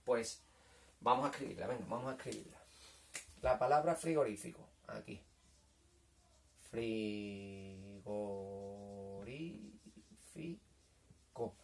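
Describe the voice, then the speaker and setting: A man teaching a children's lesson in a patient, repetitive way, checking understanding often and sounding out syllables slowly. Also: medium pitch, gravelly, far from the mic, a little hiss or hum. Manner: patient, repeats points, checks with "¿vale?". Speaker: primary school teacher. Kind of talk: recorded language lesson for children.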